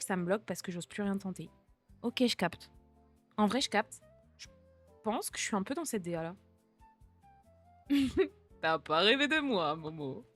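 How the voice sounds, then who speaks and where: A young woman streamer, talking in a relaxed, slangy way. She answers viewer messages and mixes reassurance with jokes. Soft music plays faintly behind her voice. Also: fairly low pitch. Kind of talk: casual chat reading out viewer messages.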